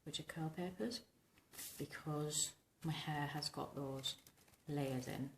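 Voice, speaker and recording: Speaking slowly with fairly even intonation, a woman in her thirties gives a casual, rambling hairstyling tutorial as a vintage vlogger. Her husky, rumbling voice is smoky and hoarse as she recovers from tonsillitis. The small bedroom recording has a roomy sound and a little hiss or hum.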